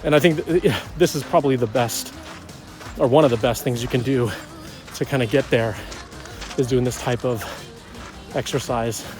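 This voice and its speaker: A man's voice: medium pitch, moderate pace, pauses often, music in the background. A young man vlogging on a run outdoors, out of breath, joking loosely with lots of fillers. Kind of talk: casual vlog chat.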